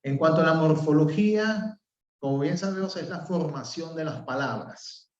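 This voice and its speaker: A man with a Venezuelan accent teaching an open class, explaining step by step, filling pauses with "eh" and checking in with "¿ok?". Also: on the high side. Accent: Venezuelan Spanish. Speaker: professor. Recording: roomy, distant, dull sound.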